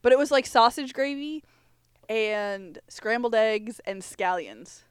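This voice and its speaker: A woman's voice: on the high side, lively intonation, slow pace, clear, resonant tone, dry recording, studio quality. A woman co-hosting a casual podcast, telling anecdotes in an emphatic, conversational way. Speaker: podcast co-host. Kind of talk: casual chat, personal anecdotes.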